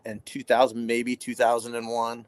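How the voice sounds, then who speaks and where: Relaxed man from Indiana, guest. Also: mid-range voice, moderate pace. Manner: relaxed, chatty. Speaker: guest from a whiskey company. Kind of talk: casual live-stream chat.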